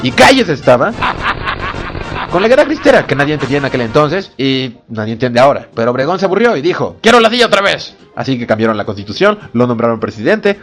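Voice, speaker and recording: A man with a Mexican accent narrating history as a fast, sarcastic comedy, jumping into quick silly voices. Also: mid-range voice.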